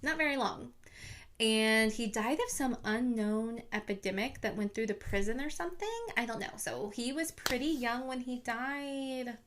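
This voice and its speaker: A woman's voice: a little high, moderate pace, a bit bright, slight background noise. A young woman casually retelling a true crime story to her viewers on camera, chatty and full of fillers. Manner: chatty, lots of "like", talks to viewers.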